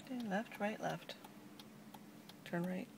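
A woman's voice: fairly low pitch, takes it slowly, creaky. A woman acting as a driving instructor, giving short, step-by-step commands and reassurance to a new driver. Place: inside a moving car. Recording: noisy car interior, distant phone mic.

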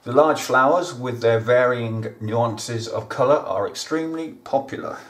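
Against a noisy background, a gardening channel host speaks in a mid-range voice at a slightly slow pace. At home indoors by the kitchen counter, he runs a casual how-to, chatty and plain-spoken, addressing his viewers directly.

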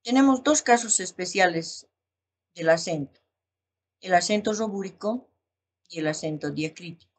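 A woman's voice: fairly low pitch, normal speed, long pauses. A woman teacher giving a recorded language lesson, explaining step by step with fillers and careful lists of example words.

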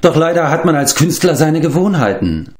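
A man's voice: a little high, big pitch swings, moderate pace, a little mellow, voice pushed up. A man doing a boastful bumbling bard. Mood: rambling. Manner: rambling, bragging then correcting himself. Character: boastful, hapless former king turned bard. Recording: roomy echo.

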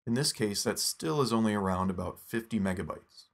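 Speaking a little fast in a fairly low, creaky voice, a man steadily guides listeners step by step through a scripted tutorial for a phone app.

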